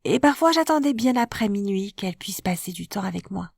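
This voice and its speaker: A woman calmly narrating a first-person life story in a scripted, even storytelling voice. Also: mid-range voice, fairly quick, vocal fry, husky, no room sound, clean studio sound.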